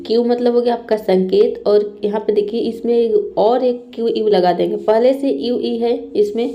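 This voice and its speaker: A woman's voice: medium pitch, dark tone. A woman teaching a vocabulary lesson, spelling words out letter by letter and checking in often with "okay". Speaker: English teacher.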